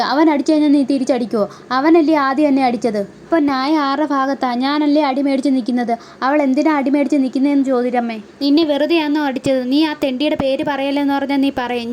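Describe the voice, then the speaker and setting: High-voiced woman retelling a serial. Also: darkish tone, slight background noise. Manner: brisk storytelling, reads every part herself. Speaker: serial episode recapper.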